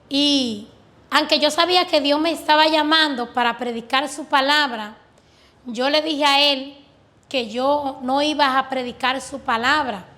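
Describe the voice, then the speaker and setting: A guest with a high, slightly bright voice earnestly relates her faith testimony. She tells of prayers and the answers that came, speaking with fervent conviction.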